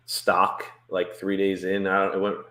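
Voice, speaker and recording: A man's voice: low voice, completely flat delivery, unhurried, fairly bright tone. A man co-hosting a casual livestream, rambling with many fillers and restarts. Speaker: co-host of a cruise livestream. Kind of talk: casual live-stream chat.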